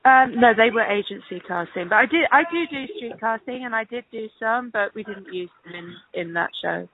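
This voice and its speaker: Over a tinny, band-limited telephone line, a woman who is a casting director answers interview questions hesitantly and conversationally, thinking aloud. Her voice is on the high side with lively intonation, at a moderate pace, with a little hiss or hum.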